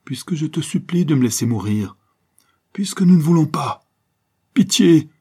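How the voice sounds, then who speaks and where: A man's voice: mid-range voice, unhurried, mellow, husky, pitched above the performer's own voice. A man voicing a desperate, broken older banker who pleads in anguish, read as an audiobook. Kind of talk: audiobook reading.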